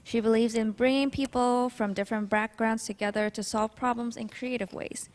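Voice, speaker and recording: Fairly high-voiced female event host. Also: steady tone, moderate pace. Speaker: event host introducing a speaker. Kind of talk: informal live introduction.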